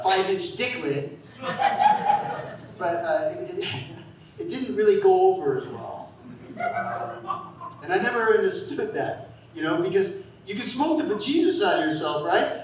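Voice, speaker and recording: High-voiced comedian in an echoey club. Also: male voice, slight background noise. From San Francisco Bay Area. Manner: rambling storytelling with bursts of shouted character voices. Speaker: stand-up comedian. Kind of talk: stand-up set. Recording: echoey club sound from a distant mic.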